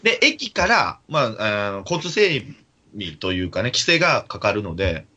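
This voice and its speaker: A man telling an animated story in casual chat, acting out the quotes of the people in it. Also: fairly low pitch, normal speed, breathy edge. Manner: animated anecdote with acted-out quotes. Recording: dull lo-fi recording.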